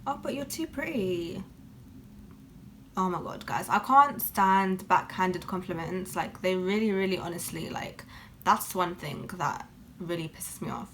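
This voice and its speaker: A young beauty vlogger speaks unhurriedly in a fairly bright voice on the low side as she applies her makeup. Her get-ready-with-me chat is casual, candid and heavy on fillers, with slight background noise.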